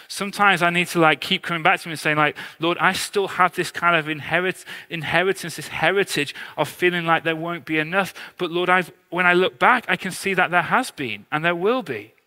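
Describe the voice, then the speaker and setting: This English church leader, in his thirties to early forties, sounds a little high and sharp at normal speed. He preaches casually and earnestly, poking fun at himself, while long hall reverb trails his words.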